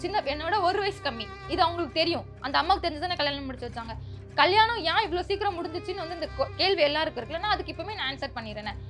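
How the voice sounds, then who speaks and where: Fast-talking distressed young woman. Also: very high voice, expressive, fairly bright tone, far from the mic, faint music behind. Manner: distressed, pleading, talks fast. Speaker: interview guest. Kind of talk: emotional interview.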